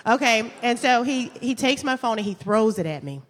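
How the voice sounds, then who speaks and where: A woman telling a true story on stage, animated and laughing, with comic asides. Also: a little high, normal speed. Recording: live stage with long hall reverb.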